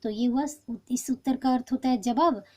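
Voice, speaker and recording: A woman teacher explaining a textbook lesson patiently, pausing often with fillers and restarts. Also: high voice, dark tone.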